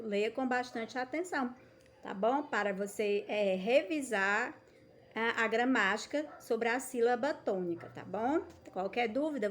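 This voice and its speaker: A Brazilian woman teacher giving a patient recorded lesson to young children, often checking in to ask whether they follow and drawing words out slowly to show the stressed syllable. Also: on the high side, fairly bright tone. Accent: Brazilian Portuguese.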